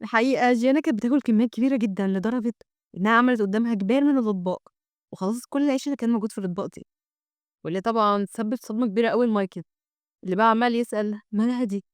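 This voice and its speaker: A woman's voice: fairly high pitch, very fast, no room sound. A woman with an Egyptian accent narrating a comic summary in a chatty, storytelling manner. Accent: Egyptian Arabic.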